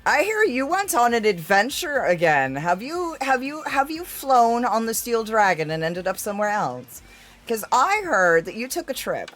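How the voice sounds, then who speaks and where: A woman's voice: on the high side, very animated, normal speed, fairly bright tone, faint music behind. A woman hosting a casual livestream in character as a fae, chatting in an affectionate, theatrical, giggly way. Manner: affectionate, addresses listeners as darlings. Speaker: livestream host.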